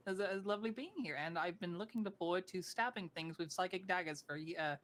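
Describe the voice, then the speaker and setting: A woman player introducing herself, soft-spoken and hesitant. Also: fairly low pitch, fast talker, a little hiss or hum. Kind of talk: casual chat.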